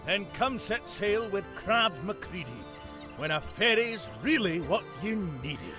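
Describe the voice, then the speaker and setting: A man's voice: high voice, sing-song, takes it slowly, over music, heavily acted. A man voicing a brash, bird-loving ferry captain with a Scottish accent, in a game. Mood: hearty. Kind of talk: voiced game dialogue.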